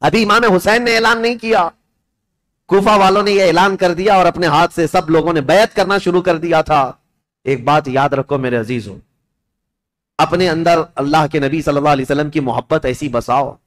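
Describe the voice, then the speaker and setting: A man's voice: fairly high pitch, fairly even intonation, moderate pace. Impassioned man preaching a story sermon. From India. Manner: impassioned, declamatory, addresses the crowd directly.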